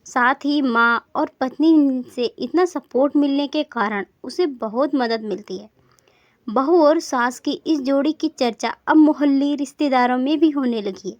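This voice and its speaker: A woman narrating a family story in a steady, even storybook style. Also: high voice, unhurried, no room sound, highs cut off.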